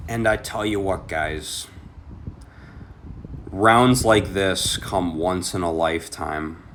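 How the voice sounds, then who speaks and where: Young male golf vlogger, lowish voice, chatty and rambling, outdoor noise behind. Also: slow pace. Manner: chatty, rambling, talks to viewers as guys. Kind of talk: casual vlog commentary.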